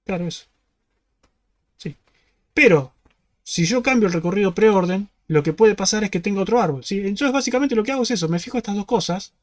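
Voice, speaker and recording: Rioplatense male teaching assistant, high voice, methodical step-by-step explainer who keeps checking in. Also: brisk. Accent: Rioplatense Spanish. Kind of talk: online class explanation.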